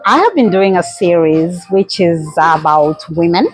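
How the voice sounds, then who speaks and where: A woman's voice: lowish voice, expressive, a little slow, breathy edge, no room sound, faint music behind, poor audio. Woman host chatting with a guest, easygoing, lots of uh and um. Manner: warm, encouraging, frequent fillers. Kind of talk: casual interview chat.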